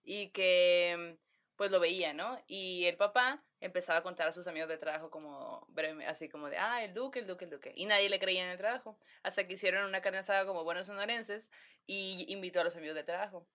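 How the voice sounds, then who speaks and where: A Mexican woman co-hosting a podcast, retelling a story in casual chat and reacting quickly to the others. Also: on the low side, fairly even intonation, bright, forceful tone. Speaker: podcast co-host.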